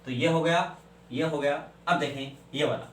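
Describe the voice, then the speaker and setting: Male teacher, fairly high voice, quizzing and answering himself, roomy echo. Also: fairly even intonation, normal speed, fairly bright tone, recorded from a distance, a little hiss or hum. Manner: asks questions and answers them himself, spells out names. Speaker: chemistry teacher. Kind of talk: classroom lecture. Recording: echoey room, voice from off-mic.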